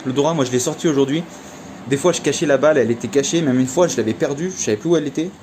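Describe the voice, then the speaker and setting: A young man talks through his day in a relaxed, slangy vlog ramble, leaning on fillers as he goes. His voice is mellow and warm. There is a faint hiss under the recording. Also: mid-range voice, rapid-fire. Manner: chatty, slangy, many fillers like "en fait". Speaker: vlogger. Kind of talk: casual storytelling vlog.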